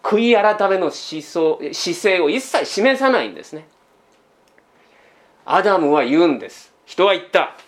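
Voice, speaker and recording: Lively high-voiced man preaching. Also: measured pace. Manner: conversational preaching full of rhetorical questions; tags sentences with a trailing "this". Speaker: pastor. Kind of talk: sermon.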